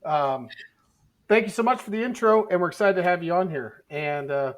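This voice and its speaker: A man's voice: high voice, lively intonation, normal speed. A man hosting a podcast in a jokey, self-deprecating, upbeat way. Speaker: podcast host.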